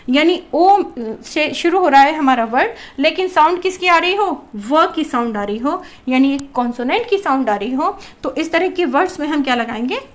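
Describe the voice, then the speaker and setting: A woman teaching a grammar lesson to children, asking a question and answering it herself. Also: high voice. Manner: addresses viewers as children.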